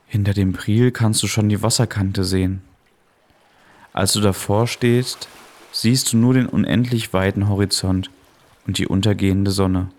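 A man softly and calmly narrating a guided meditation in a soothing manner, as the host of a relaxation podcast. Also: fairly low pitch.

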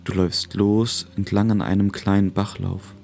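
A man narrating a guided relaxation in a calm, gentle, soothing way, with long pauses. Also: deep voice, gravelly, soft background music. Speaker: podcast host.

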